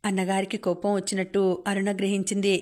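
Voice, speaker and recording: A woman reading a novel aloud as an audiobook narrator, in a calm, even storytelling manner. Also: mid-range voice, brisk. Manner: calm, even storytelling, quoting characters without acting them.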